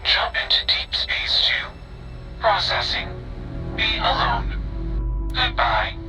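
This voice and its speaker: A man voicing a logical, curious robot in a video game, speaking flatly and without emotion in clipped status words. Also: high-pitched, slow, music in the background, exaggerated voice. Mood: monotone. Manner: flat, emotionless, clipped one-word status tags. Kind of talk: video game character dialogue.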